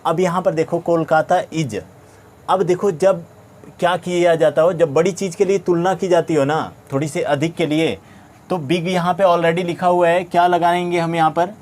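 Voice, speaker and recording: A man's voice: a little high, level tone, moderate pace, darkish tone. A man with an Indian accent teaching a grammar lesson, asking questions and answering them himself while often checking understanding. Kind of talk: classroom-style grammar lesson.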